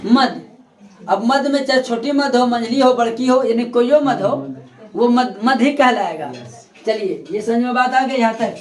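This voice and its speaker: A man's voice: extremely high pitch, unhurried. Male teacher drilling a class, echoey room. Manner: drills terms by repetition, quizzes students. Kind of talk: classroom grammar lesson. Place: classroom with a board.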